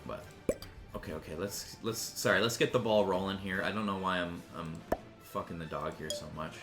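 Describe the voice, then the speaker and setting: A man's voice: low voice, fairly quick. Male gaming commentator, loose and profane, roomy room sound with faint background music. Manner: profane, rambling, restarts sentences. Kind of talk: casual rambling commentary.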